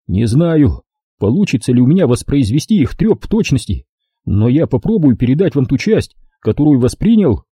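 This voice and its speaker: A man's voice: medium pitch, big pitch swings, normal speed, mellow, breathy edge, no room sound, studio quality. A man narrating a crime story in the first person, in a conversational, confessional way. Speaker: audiobook reader.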